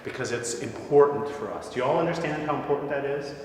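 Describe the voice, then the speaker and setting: A middle-aged man coaching singers in a masterclass, talking conversationally and checking in with "right?" as he goes. His voice sits at an ordinary pitch. It rings through a hall with a long reverb, over a faint background hiss. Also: quick pace, a little mellow. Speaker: voice teacher leading a masterclass. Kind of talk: masterclass teaching.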